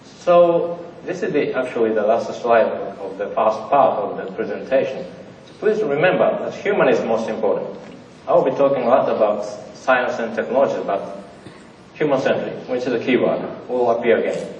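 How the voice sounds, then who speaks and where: This man presents at a conference in a large theater, his medium-pitched voice expressive, a little mellow, and at normal speed. He cracks jokes using plain non-native phrasing and many fillers. Recorded from afar, the sound is dull and roomy, with slight background noise.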